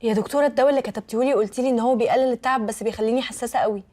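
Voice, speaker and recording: An actress playing a young wife with an Egyptian accent, soothing and placating in a comedy series. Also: female voice, fairly high pitch, fairly even intonation, racing, a little mellow, close to an everyday voice. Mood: worried. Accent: Egyptian Arabic. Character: young wife, anxious and eager to please.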